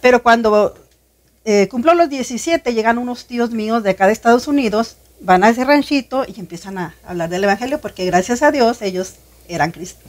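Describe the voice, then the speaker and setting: Woman, fairly high voice, telling a heartfelt church testimony to a brother in faith. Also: lively intonation, fairly quick. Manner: earnest, heartfelt storytelling, often addressing the listener as brother. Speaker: guest sharing her testimony. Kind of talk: personal faith testimony in conversation.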